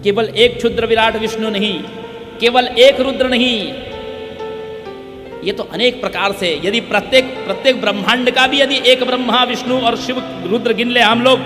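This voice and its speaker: Male preacher, high voice, emphatic rhetorical questions, long hall reverb, instruments playing behind. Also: fairly even intonation, moderate pace. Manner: emphatic, rhetorical questions, chants Sanskrit verses. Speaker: katha preacher. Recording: echoey hall with music behind. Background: musical instruments.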